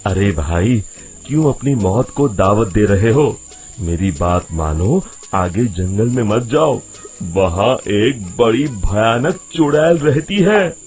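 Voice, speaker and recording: A man's voice: fairly low pitch, lively intonation, slow, a little mellow. A man voicing a naive, easily frightened village cart driver in a cartoon, full of exclamations. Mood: urgent warning.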